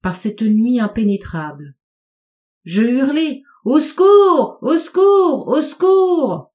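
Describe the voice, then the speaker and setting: A woman narrates a classic short story in a warm, mellow voice. Her reading is measured and deliberate. She slows and lowers her voice to weigh the gloomiest repeated phrases. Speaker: audiobook reader. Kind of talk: literary audiobook narration.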